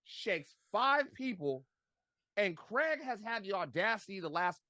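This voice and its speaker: Fired-up man, lively pitch. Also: unhurried, dry recording. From United States. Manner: excitable, stammers and repeats words when fired up. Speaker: podcast guest. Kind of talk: animated casual sports chat.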